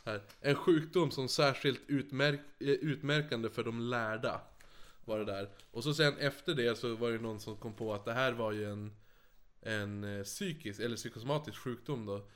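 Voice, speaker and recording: A man co-hosts a relaxed podcast. He prompts his partner with quick replies and questions. His voice is a middle-pitched male voice. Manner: encouraging listener, quick interjections. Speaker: podcast co-host. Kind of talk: casual chat.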